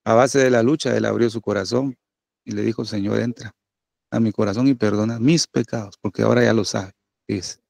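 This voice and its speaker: Gravelly-voiced man preaching conversationally. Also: lowish voice, fairly even intonation, fairly quick, darkish tone, no echo. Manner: conversational preaching with many tag questions. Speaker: pastor. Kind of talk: sermon.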